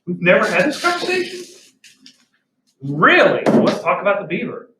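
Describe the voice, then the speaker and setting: Male science teacher, high voice, folksy lecture style, recorded from across a roomy classroom. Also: very animated, normal speed, very noisy. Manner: folksy, asks the class questions. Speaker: biology teacher. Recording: roomy classroom audio from a distant mic.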